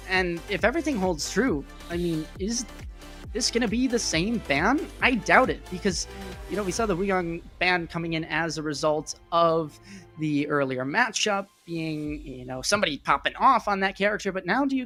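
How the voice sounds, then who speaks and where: A mid-range voice carries this esports commentator's live play-by-play, chatty in tone and livening up with the action.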